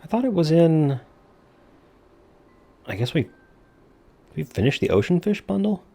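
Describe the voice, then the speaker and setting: A man's voice: a little high, big pitch swings, a little slow, gravelly, dark tone. A man hosting a gaming video with casual commentary, speaking informally and jokingly with free use of swearing.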